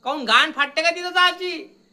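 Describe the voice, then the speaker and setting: A young man rants straight at his listener in a combative voice. His voice is strikingly high and piercingly bright. He keeps hammering his point and demanding that the listener understand him. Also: moderate pace. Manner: combative, repeatedly demanding "got it?". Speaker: social media commentator. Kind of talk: confrontational video rant.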